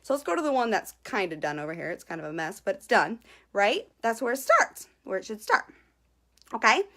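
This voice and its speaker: A woman's voice: medium pitch, sing-song, fairly quick, a bit bright. Bubbly woman chatting through a brow tutorial. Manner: chatty, peppered with "okay?", greets viewers; giggly and self-conscious. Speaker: beauty vlogger. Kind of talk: casual live-stream makeup tutorial.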